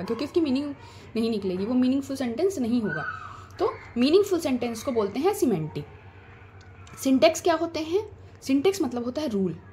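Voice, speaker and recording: A high-pitched woman with an Indian accent gives an exam-prep lesson. She keeps asking questions and then answers them herself. A faint hum of ambience sits behind her. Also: darkish tone. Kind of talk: explanatory lecture.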